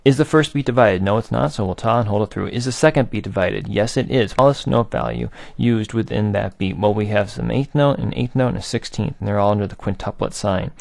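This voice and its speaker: Male music teacher, gravelly voice, dry close sound, methodical and patient, walks through rhythms step by step. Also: on the low side, a little fast, few pauses, a little mellow, no echo. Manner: patient, asks and answers own questions, chants rhythm syllables.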